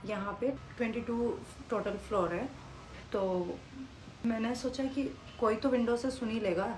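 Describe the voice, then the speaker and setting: Slow-talking young woman telling a story. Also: a little high. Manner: animated storytelling, mixes English phrases into her talk. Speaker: vlogger. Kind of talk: casual storytelling vlog. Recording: echoey room with faint background noise.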